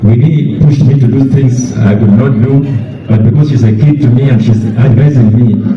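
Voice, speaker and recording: A mature Kenyan man giving a eulogy as a bereaved father, speaking deliberately and repeating words for emphasis. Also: mid-range voice. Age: middle-aged or older. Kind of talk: eulogy speech. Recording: echoey, distant, dull public-address sound.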